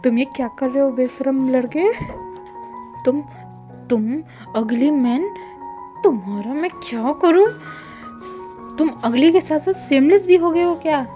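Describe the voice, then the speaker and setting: A woman's voice: high-pitched, unhurried, pauses often, warm tone, faint music behind. A woman voicing an indignant young man who protests and sputters when teased, in a casual spoken retelling. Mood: flustered. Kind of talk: casual storytelling with voiced lines.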